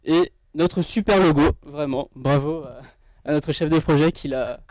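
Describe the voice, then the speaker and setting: A man presenting his team's project on stage in a casual, halting way, with many fillers. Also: on the high side, background noise. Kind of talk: pitch presentation.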